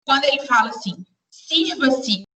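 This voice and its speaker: A woman's voice: sits high, animated, a little slow, bright, forceful tone, recorded from a distance. A woman teaching a live online grammar class, patiently repeating explanations and speaking straight to her students. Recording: roomy echo, voice away from the mic.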